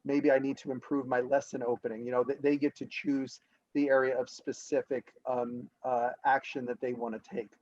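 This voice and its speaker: A school administrator explaining an evaluation process in a meeting, conversational, with examples and frequent restarts. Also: male voice, medium pitch, little pitch movement, normal speed, darkish tone, lo-fi sound.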